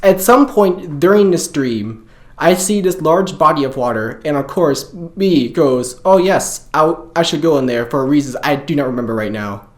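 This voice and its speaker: A young adult telling a casual anecdote slowly and deliberately. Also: mid-range voice, lively intonation. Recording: roomy recording.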